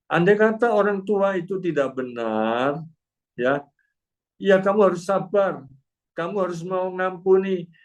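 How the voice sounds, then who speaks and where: An older man delivers a sermon at an unhurried pace, his voice sitting a little high for a man. He tells stories to the congregation and drives his points home with firm repetitions. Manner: storytelling, addresses congregation as "Saudara", emphatic repetitions. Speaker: pastor.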